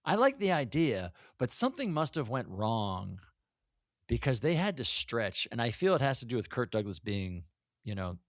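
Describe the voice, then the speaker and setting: A man co-hosting a casual podcast, chatting in an animated way and laughing often. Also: mid-range voice, normal speed, no echo, clean studio sound. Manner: animated, laughs often, acts out quoted lines. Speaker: podcast co-host. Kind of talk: casual retrospective chat.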